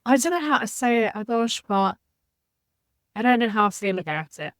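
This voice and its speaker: A woman's voice: fairly high pitch, animated, moderate pace, no room sound. A woman from Zambia, a podcast guest, speaking in a reflective, candid way. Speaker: guest, social impact leader. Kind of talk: podcast interview.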